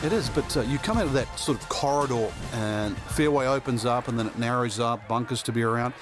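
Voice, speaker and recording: A man's voice: medium pitch, brisk, natural voice. A man working as an easygoing golf commentator, explaining shots conversationally as the expert analyst in a video game. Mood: analytical. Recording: music and outdoor crowd behind. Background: music, crowd outdoors.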